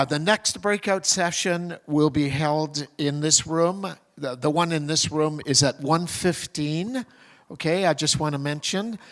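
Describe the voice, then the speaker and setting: A man moderating a conference session, thanking the speaker and giving gracious, unhurried closing announcements. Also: a little high, a bit bright.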